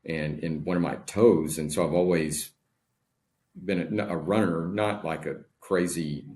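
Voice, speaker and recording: Very deep-voiced man in his forties. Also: fairly even intonation, a little slow, darkish tone. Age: 40s. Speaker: podcast guest. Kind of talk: casual interview talk.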